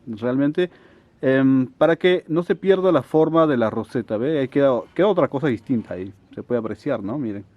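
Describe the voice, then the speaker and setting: This succulent grower and channel host from Salta, Argentina, chats in an unhurried, casual show-and-tell, often tossing in "¿no?" as he goes. His mid-range voice is animated, with no room sound and the highs cut off.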